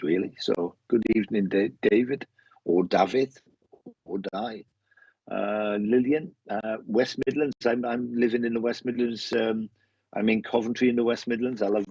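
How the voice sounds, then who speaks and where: Hosting a live online show as a medium, a Welsh-accented man chats casually with viewers, meandering and repeating himself a lot. His lowish voice is gravelly, darkish, and husky, and the stream audio is muffled and roomy.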